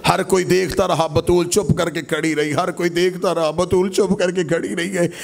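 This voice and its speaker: A man's voice: high-pitched, level tone, moderate pace, gravelly, slight background noise. A man delivers a mourning-gathering sermon from the pulpit, chanting it with passion that keeps rising toward wailing cries. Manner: impassioned, melodic chanting that swells into wailing cries. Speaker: majlis orator. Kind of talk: chanted Shia majlis sermon.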